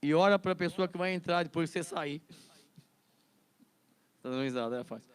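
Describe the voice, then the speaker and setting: A man's voice: on the high side, fairly quick, smooth. A man teaching a Bible study lesson in a chatty way, laughing often and repeating words.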